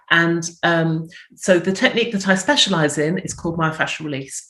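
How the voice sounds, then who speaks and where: A middle-aged woman from the UK, a physiotherapist, giving health tips in a chatty interview and voicing little inner thoughts as she explains. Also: low voice. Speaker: physiotherapist guest.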